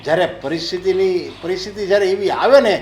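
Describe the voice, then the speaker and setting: A man's voice: sits high, fast, roomy sound, slight background noise, lightly acted. An actor playing a blunt, superstitious father-in-law who scolds his family, in a short drama. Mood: stern. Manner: scolding, lecturing.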